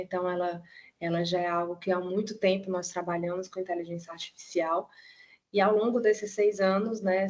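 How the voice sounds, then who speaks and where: A middle-aged woman from Ceará, Brazil, speaks with a Ceará accent in a voice on the low side. She gives an online nursing lecture over a video call in a chatty, conversational way, often tacking on "né" as a tag question. The sound is lo-fi.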